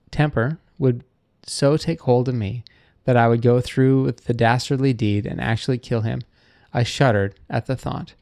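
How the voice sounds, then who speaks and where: A man reading a missionary memoir aloud in an earnest, measured storytelling manner. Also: medium pitch, gravelly, darkish tone, dry recording, clean studio sound.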